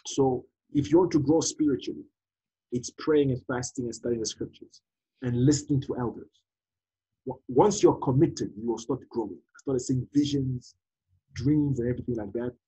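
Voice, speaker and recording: A man's voice: mid-range voice, normal speed, husky, low-quality recording. A man raised in South Africa, speaking as a prophet in a casual conversation, full of exclamations, fillers and restarts. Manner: animated, exclaims often, many fillers and restarts. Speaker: prophet guest.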